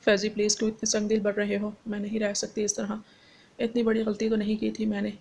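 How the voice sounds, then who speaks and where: Woman voicing a teary young woman, emotional, sharp-tongued, flat low-key delivery, husky gravelly voice. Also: quick pace. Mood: pleading. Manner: pleading then scolding through tears. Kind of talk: audiobook dialogue reading.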